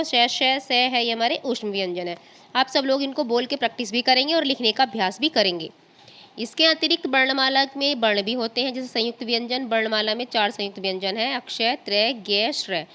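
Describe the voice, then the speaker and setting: Indian woman, schoolteacher, slow explaining delivery, bright higher voice. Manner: patient, addresses pupils often, spells out sounds slowly. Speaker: school teacher. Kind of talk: recorded classroom lesson.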